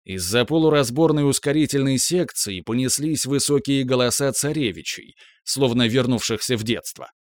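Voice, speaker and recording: A man's voice: medium pitch, moderate pace, few pauses, no room sound. Man narrating an audiobook, dry sound. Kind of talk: first-person audiobook narration.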